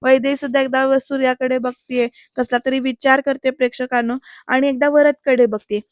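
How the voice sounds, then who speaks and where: A woman's voice: high voice, level tone, brisk, no echo, lo-fi sound. Chatty woman recapping a serial. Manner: chatty retelling, keeps addressing viewers. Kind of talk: voice-over episode recap.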